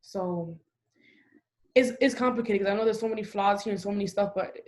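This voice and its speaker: A woman's voice: mid-range voice, brisk. A young woman from the Dominican Republic, talking casually on a podcast, emphatic and full of "like" fillers. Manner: talkative, frequent "like" fillers, emphatic. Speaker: podcast host.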